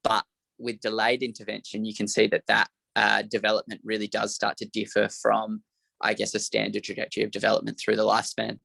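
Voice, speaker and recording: A young man runs a youth mental health workshop, walking through slides in an explanatory way with plenty of fillers. His voice sits low and has a gravelly fry. The sound is bright and dry. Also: monotone, brisk, no echo, low-quality recording. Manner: explanatory, frequent fillers and hedges. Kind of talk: workshop presentation.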